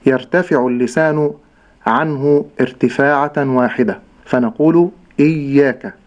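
A man teaching correct Quran recitation, slowly sounding out each syllable and contrasting right and wrong pronunciation. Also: mid-range voice, darkish tone, dull audio. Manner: slow, deliberate, models sounds syllable by syllable. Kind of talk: tajweed pronunciation lesson.

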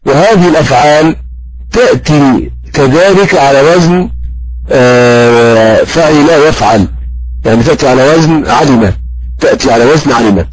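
Over poor audio, a man with a mid-range voice teaches an Arabic grammar lesson. His speech is slow and halting, full of drawn-out fillers, and he puts questions to his students and praises their answers.

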